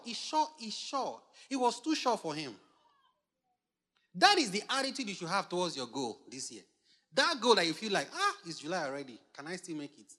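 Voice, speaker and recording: High, lively preaching man in a hall. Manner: emphatic preaching, repeating phrases, asking the congregation questions. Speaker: pastor. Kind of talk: sermon. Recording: long hall reverb.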